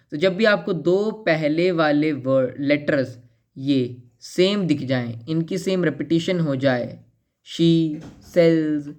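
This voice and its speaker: A male teacher giving a casual literature lesson in mixed Hindi and English. He chats and jokes, then reads each English example slowly and carefully. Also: a little high, a little mellow.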